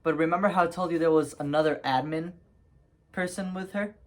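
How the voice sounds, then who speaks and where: A man's voice: on the high side, fairly even intonation, a little fast. A young man tells a story to his viewers in a loose, rambling way. He stumbles over words and starts sentences again, dropping ums as he goes. He laughs at his own story. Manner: rambling, lots of fillers and restarts, laughs at himself. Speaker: vlogger telling a story. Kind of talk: casual storytime.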